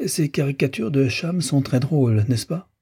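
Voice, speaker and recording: Guy reading a lovesick young gent in an audiobook, earnest and pleading, dark breathy voice. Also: mid-range voice, lively intonation, normal speed, pitched above the performer's own voice. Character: lovesick, tormented young gentleman.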